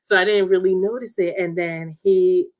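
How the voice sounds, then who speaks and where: Young woman vlogging, laughs a lot, pitches her voice up to act out people, chatty. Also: moderate pace. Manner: animated, laughing often, quotes people in higher voices. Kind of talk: casual storytelling to viewers.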